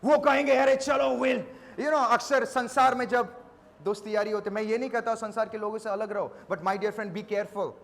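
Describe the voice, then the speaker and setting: A man preaching a sermon in a very high voice, his words ringing with the long reverb of a hall. He is an emphatic pastor who acts out little dialogues and drops English phrases into his preaching. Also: steady tone, moderate pace, fairly bright tone. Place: church service in a rented hall.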